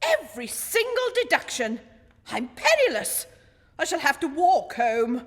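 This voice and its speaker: An exasperated British gentleman doctor acted by a woman with a high-set voice and slow, deliberate delivery. He is dry and put-upon, a comic radio play sidekick, heard in long reverb. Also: huge pitch swings, exaggerated voice. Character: exasperated, muttering gentleman doctor, detective's male companion.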